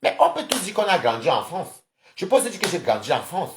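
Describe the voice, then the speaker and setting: Cameroonian-accented live streamer, lively swooping pitch, rambling, combative rant. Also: fast, background noise. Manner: animated, rambling, confrontational, addresses viewers directly. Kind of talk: casual social media live rant.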